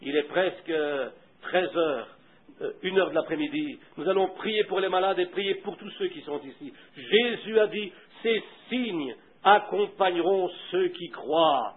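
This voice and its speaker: A man preaching a sermon, telling a story and leading prayer in a fervent way that swings from hushed to loud. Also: sits high, unhurried, husky. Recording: tinny, phone-like old recording.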